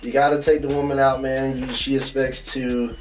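A man's voice: mid-range voice, level tone, normal speed, a little mellow, distant mic, faint music behind. A man hosting a podcast in casual, profane, laid-back banter. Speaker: podcast host.

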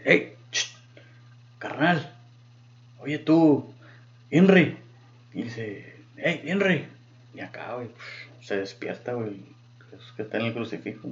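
A man with a Mexican Spanish accent telling a joke in a relaxed, slangy way. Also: medium pitch. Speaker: podcast co-host telling jokes. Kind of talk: casual joke-telling chat. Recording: dull lo-fi sound.

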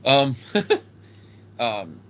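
A man's voice: medium pitch, extremely slow, lo-fi sound. A man talking casually and enthusiastically as a podcast host about retro wrestling, like an avid fan who swears freely. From northeastern United States. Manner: animated, profane, enthusiastic fan talk.

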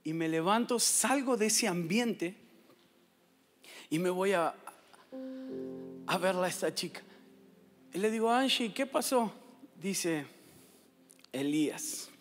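Man, Argentine accent, preacher telling a story, very high voice, animated, soft music underneath. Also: slow pace, long pauses, in a large hall. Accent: Argentine Spanish. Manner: animated, acts out dialogue. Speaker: pastor. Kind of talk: sermon storytelling.

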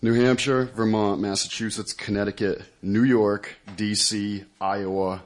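A man's voice: on the low side, fairly even intonation, a little slow. A man co-hosting a casual radio talk show, with a slight lisp, stumbling over his words and laughing often.

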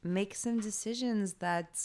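Woman, actress guest, from New Orleans, laid-back, casual swearing, smooth low voice. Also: takes it slowly, a little mellow. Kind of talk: casual interview chat.

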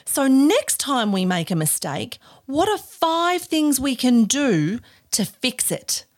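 A woman's voice: high voice, very animated, slow. An Australian woman hosting a podcast for young children, speaking in a broad, exaggerated, encouraging singsong like children's theatre.

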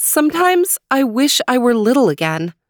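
A woman's voice: high voice, sing-song, moderate pace, no echo, clean studio sound, pitched above the performer's own voice. A woman voicing a spirited, impatient young princess in a bedtime story, speaking emphatically. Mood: eager, pleading. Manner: bright, pleading and emphatic.

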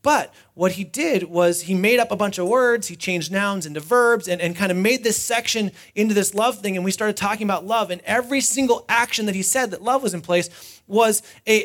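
A man's voice: sits high, a little fast, a bit bright. A man preaching a sermon at a pulpit microphone, talking to the congregation in a conversational way and asking rhetorical questions. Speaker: pastor.

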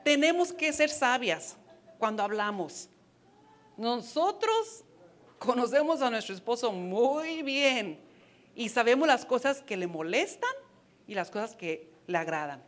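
A woman's voice: on the high side, big pitch swings, unhurried. A woman preaching a sermon to wives, earnest and advising, with playful asides. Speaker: women's ministry speaker.

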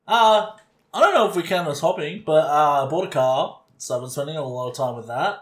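Man, podcast co-host, joking, slightly high voice, echoey room. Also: expressive, fairly quick. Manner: joking, laid-back. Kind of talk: casual chat.

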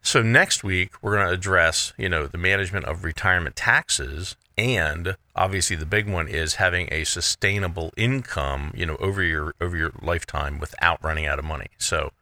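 A man's voice: low-pitched, moderate pace, hardly any pauses, pushed and bright, dry recording. A man hosting a radio show as a financial advisor, explaining things conversationally and often saying "you know".

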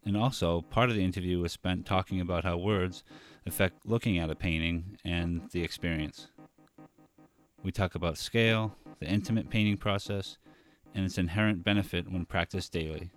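A man hosting a podcast, introducing the guest and asking questions in a relaxed, easygoing way. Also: sits low, moderate pace, soft background music. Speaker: podcast host.

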